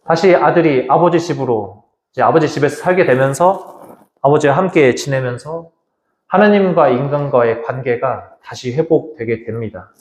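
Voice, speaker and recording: Priest in an echoey hall. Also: male voice, medium pitch, normal speed. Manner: conversational, vividly retelling with quoted voices. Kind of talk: Lenten lecture, storytelling.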